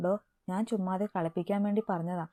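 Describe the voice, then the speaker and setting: A woman's voice: mid-range voice, steady tone, brisk, warm tone, no room sound, clean studio sound, lightly acted. A woman reading a teasing young man in love. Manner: playful, teasing.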